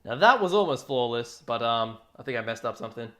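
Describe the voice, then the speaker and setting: A young man talks loosely to his stream audience in a mid-pitched voice. He wanders between topics, trails off into fillers and laughs easily. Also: very animated, fairly quick, sharp tone. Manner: rambling, chatty, laughs often, trails off. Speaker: streamer drumming for charity. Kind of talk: casual livestream chat.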